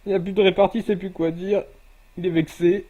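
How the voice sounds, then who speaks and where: A man's voice: sits high, level tone, fairly quick, warm tone, dull audio. A man streaming a game over voice chat, mockingly lecturing a player like a stern parent. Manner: teasing, mock-parental. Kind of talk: casual gaming stream chat.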